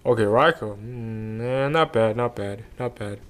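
A man's voice: on the low side, unhurried. A man doing laid-back, slangy unboxing commentary as a YouTube host, often muttering to himself. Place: carpeted room at home.

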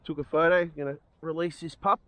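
A middle-aged Australian fishing vlogger keeps up a cheerful, casual running commentary while fishing from a sandy beach by the water, chuckling often. His voice is fairly high, steady, brisk and a bit bright, recorded outdoors on a head-mounted action camera.

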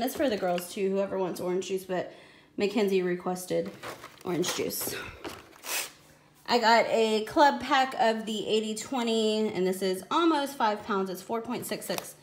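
Standing at her home kitchen counter, a medium-pitched American woman in her thirties chats through a grocery haul vlog in a rambling, explanatory, family-vlogger way. A handheld phone behind the camera picks up an echoey room along with plastic packaging crinkles and clicks.

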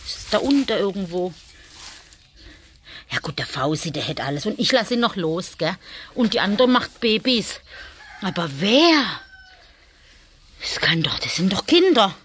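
A woman's voice: mid-range voice, very animated, measured pace, pauses often, slightly rough. Chatty woman talking to her rabbits. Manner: chatty, talks to her animals, drops into soft muttering. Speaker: family vlogger. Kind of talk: casual vlog chat while looking after rabbits.

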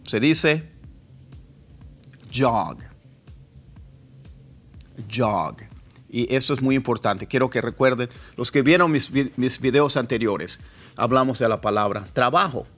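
A man teaching English pronunciation, repeating example words slowly as drills. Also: mid-range voice, fairly bright tone, faint music behind. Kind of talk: pronunciation lesson.

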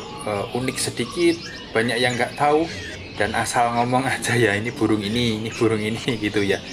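A man, chatting casually as a bird-keeping vlogger and explaining while he films outdoors with a phone. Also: medium pitch. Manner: friendly, chatty, keeps saying "friends" with a dropping tail. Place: outdoors by bird cages on paving. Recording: phone audio with clear background noise.

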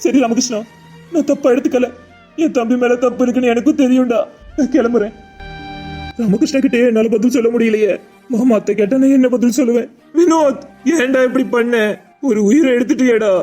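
A man doing a grieving relative, high and quick. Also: mellow, faint music behind. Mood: heavy. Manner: lamenting, pleading. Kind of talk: Tamil cartoon voice acting.

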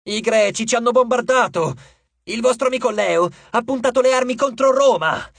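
A man voicing a scheming young male Roman augur, shouting accusations in an audiobook. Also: sits high, lively intonation, moderate pace, slightly rough, no echo, pitched above the performer's own voice, full character voice. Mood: accusing. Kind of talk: audiobook character voice.

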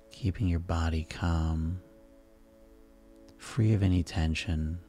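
A man leads a guided sleep hypnosis in a soft, soothing way. His voice is deep and mellow, with very little rise or fall. He takes his time, pausing between calm phrases. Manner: soft, soothing, unhurried delivery with pauses. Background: relaxation music.

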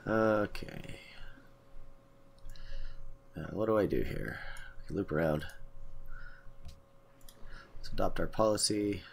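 A man's voice: low-pitched, animated, takes it slowly, creaky, pauses often, slight background noise. A man with a head cold and a lisp, casually talking through a strategy game as he plays, thinking aloud with lots of fillers. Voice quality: lisp, whistly S sounds. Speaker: let's play host. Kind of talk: casual gameplay commentary.

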